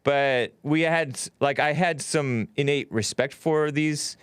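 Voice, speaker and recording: A man's voice: fairly high pitch, slow pace, fairly bright tone, clean tone, dry recording. A man hosting a call-in radio show, talking casually on a close studio microphone. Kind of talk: casual talk radio conversation.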